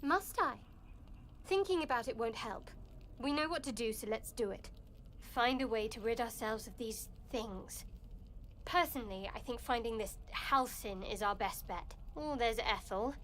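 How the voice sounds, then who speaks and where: Cool, higher-voiced, guarded adventurer. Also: female voice, a little slow, fairly bright tone, a little hiss or hum. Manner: cool, curt, aloof. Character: guarded, pragmatic, secretive female adventurer. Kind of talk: video game character dialogue.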